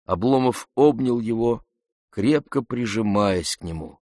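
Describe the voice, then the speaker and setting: A man slowly reading a classic novel aloud as narrator, in a measured, even way. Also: mid-range voice, no room sound, studio quality, natural voice. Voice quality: slow, measured delivery. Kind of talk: audiobook reading.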